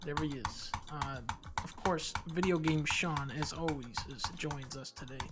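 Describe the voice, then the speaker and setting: A man hosting a casual comedic podcast, joking deadpan with plenty of fillers. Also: on the high side, unhurried, background noise. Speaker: podcast host.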